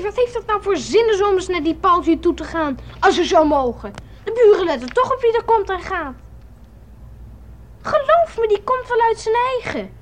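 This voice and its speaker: A lonely little child pleads and insists in an earnest, chattering way, as a woman acts it out in a radio play. The voice sits very high and swoops through a lively range. Faint noise hums beneath it. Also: exaggerated voice. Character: lonely small child waiting for a friend.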